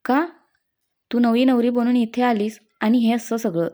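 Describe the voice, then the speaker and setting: Brief: woman reading as a tender newlywed husband in a story, mellow tone. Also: on the high side, steady tone, measured pace, close to an everyday voice. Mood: apologetic. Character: young newlywed husband, gentle and apologetic.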